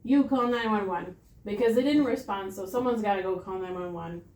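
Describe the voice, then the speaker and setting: A woman's voice: mid-range voice, a little fast, noisy background. Encouraging woman teaching a CPR class. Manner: patient, encouraging, practical. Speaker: CPR instructor. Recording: roomy classroom sound.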